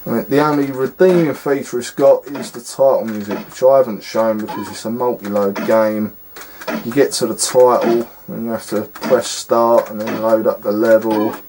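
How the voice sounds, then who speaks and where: A man's voice: fairly low pitch, fairly even intonation, moderate pace, noisy background. A man giving casual gameplay commentary as a retro game reviewer, exasperated and scornful, rambling with fillers.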